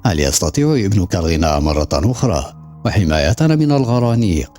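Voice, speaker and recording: A man's voice: sits low, big pitch swings, fast talker, mellow, faint music behind. A man voicing an angry, domineering ship captain in an audiobook, with a harsh, commanding delivery.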